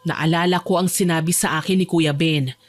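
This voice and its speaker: A young woman voicing a frightened young woman locked in a dark basement, tense and pleading as she narrates her own horror story. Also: lowish voice, steady tone, normal speed, dry recording, natural voice. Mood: hushed. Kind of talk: first-person horror story narration and dialogue. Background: faint music.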